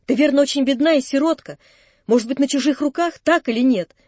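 A woman's voice: high voice, a little fast, darkish tone, no room sound, natural voice. A woman reading the part of an earnest, kindly young man who pleads urgently with someone. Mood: gentle pleading.

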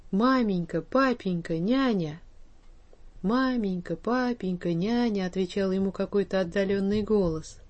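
A woman narrating a children's storybook, reading slowly and in a measured way. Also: medium pitch, warm tone. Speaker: audiobook narrator.

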